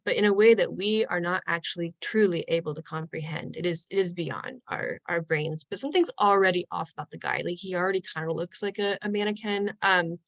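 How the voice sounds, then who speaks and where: A woman casually presenting her art project on a video call, chatty and animated, with lots of "like" and "right?". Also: lowish voice, brisk, few pauses, no room sound, muffled recording.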